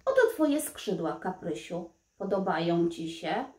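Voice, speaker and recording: A woman voicing a mysterious male stranger who mocks the princess in a low, calm voice. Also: unhurried, recorded from a distance. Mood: teasing. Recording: roomy echo.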